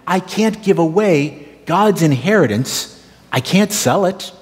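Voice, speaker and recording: A man's voice: high voice, animated, slow, voice pushed up. A man voicing a devout man firmly refusing to sell his family's land, in an earnest, pleading tone, with long church reverb.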